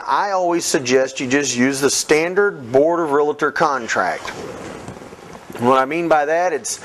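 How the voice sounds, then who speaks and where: A middle-aged man leading a live real estate seminar, energetic and coaching the room with questions to the audience. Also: medium pitch, slight background noise.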